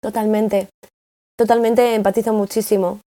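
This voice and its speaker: A woman host, softly empathetic in a casual interview. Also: medium pitch, flat delivery, moderate pace. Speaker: host, therapist.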